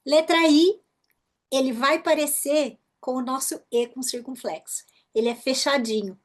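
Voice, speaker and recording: Speaking with a Brazilian Portuguese accent, a Brazilian woman teaches English pronunciation online; her voice sits high with fairly even intonation. She walks through patterns, says example words slowly, and often checks that the listener is following.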